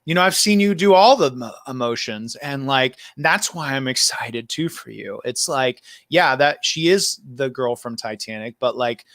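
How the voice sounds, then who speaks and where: A man's voice: medium pitch, lively intonation, moderate pace, few pauses, fairly bright tone, no room sound, clean studio sound. A man hosting a livestream as the filmmaker, talking casually and rambling with many fillers and restarts. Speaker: filmmaker host.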